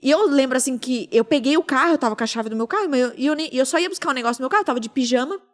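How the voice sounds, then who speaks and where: A woman in her thirties with a high, expressive voice talks rapid-fire while hosting a casual podcast. She tells a personal story full of emotion, acting out what other people said.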